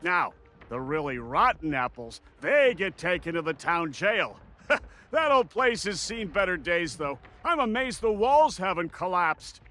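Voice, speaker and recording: A man's voice: high-pitched, sing-song, measured pace, sharp tone, full character voice. An actor playing a cheerful, chatty salty old pirate townsman in a video game, hearty and theatrical. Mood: confiding. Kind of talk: video game character acting.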